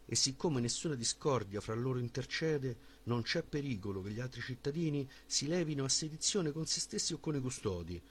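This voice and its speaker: A man reading a philosophical dialogue as an audiobook in a measured, formal voice with a husky tone. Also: mid-range voice, lively intonation. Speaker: audiobook reader.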